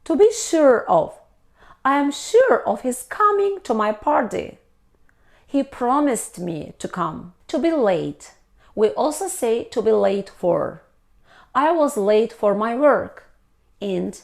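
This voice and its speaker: A woman teaching English, reading short example sentences in a careful, deliberate way. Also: fairly high pitch, a little mellow. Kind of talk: slow scripted lesson reading example sentences.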